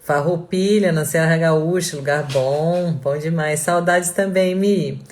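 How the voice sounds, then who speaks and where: A woman's voice: sits low, slow, a little mellow. Chatty woman greeting live viewers. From Blumenau, Santa Catarina, Brazil. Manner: chatty, reads out viewers' names and towns, laughs easily. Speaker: online course instructor. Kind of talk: casual live-class greeting.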